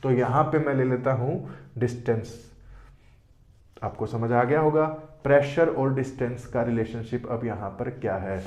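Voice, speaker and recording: A man's voice: a little high, darkish tone. A man teaching a board lesson who asks questions and answers them himself, often saying "theek hai". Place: classroom with board. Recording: echoey room.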